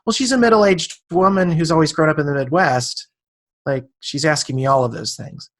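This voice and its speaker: A man's voice: on the high side, moderate pace, a bit bright. A man in his late thirties, a podcast guest, telling a personal story in casual conversation and acting out the people he quotes. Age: 30s.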